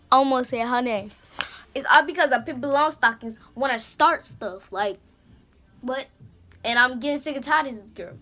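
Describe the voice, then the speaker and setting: A woman vlogger in her bedroom telling a story time in an animated, slangy, rambling way, with lots of asides. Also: high voice. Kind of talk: casual story time monologue. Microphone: camera's built-in mic.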